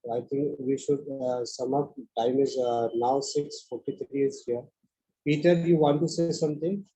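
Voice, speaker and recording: A man with an Indian accent hosting an online session unscripted, in a halting, repetitive way. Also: medium pitch, fairly even intonation, dark tone, husky. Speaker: workshop host. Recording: dull lo-fi web conference audio.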